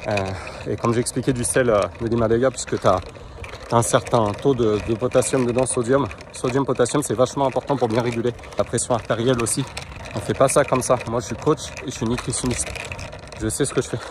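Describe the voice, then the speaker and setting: This chatty young man, a coach and nutritionist, narrates a casual vlog mid-ride on a kick scooter, speaking briskly in a mid-range voice with fairly even intonation. He addresses viewers head-on, tosses in fillers and asides, and sounds strained from exertion, with noisy street ambience around him outdoors in the city.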